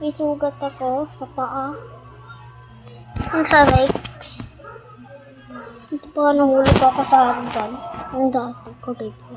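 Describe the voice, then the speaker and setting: Young girl, high voice, unhurried, chatty, faint music behind, phone mic. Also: flat delivery, rough recording. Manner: chatty, giggly, jumps between topics. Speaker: young vlogger playing a game. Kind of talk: casual chat while gaming.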